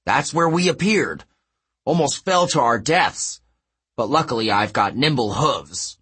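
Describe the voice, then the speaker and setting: A man voicing a gruff, boastful male satyr coach in an audiobook, with a husky, blustery delivery. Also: medium pitch, lively intonation, a bit bright. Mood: brash. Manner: blustery, boastful, talks fast in bursts. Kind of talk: audiobook character voice.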